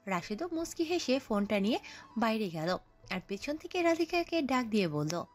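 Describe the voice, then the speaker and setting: A woman narrating a scripted audio story, telling it in an expressive storytelling manner. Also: a little high, moderate pace, soft background music.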